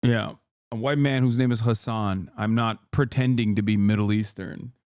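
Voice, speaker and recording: A man's voice: fairly low pitch, steady tone, moderate pace, a little mellow, clear, resonant tone, dry recording, clean studio sound. A man from Turkey streaming live, reading and answering his chat in blunt casual talk that swears freely.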